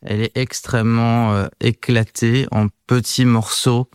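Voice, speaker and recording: A man's voice: medium pitch, level tone, unhurried, darkish tone, clean tone, no room sound, studio quality. A man in his thirties, born in France, speaking as a researcher guest in a podcast interview, hesitant with many fillers and restarts.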